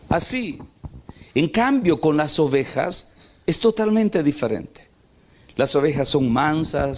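Man, middle-aged, sermon, storytelling, very animated pitch. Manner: storytelling, asks the congregation questions. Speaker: preacher.

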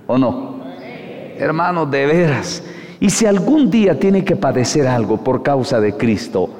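A middle-aged man preaching an evangelical sermon, calling listeners brother and firing rhetorical questions, dropping to low murmurs then rising to high, urgent cries. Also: a little mellow, long reverb tail.

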